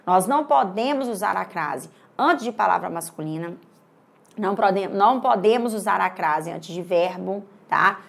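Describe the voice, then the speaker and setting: A woman's voice: medium pitch, expressive, normal speed, vocal fry. A Brazilian woman teaching Portuguese for an exam in a chatty lecture, often checking in with her students. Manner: chatty, keeps asking "tá vendo?" and "né?".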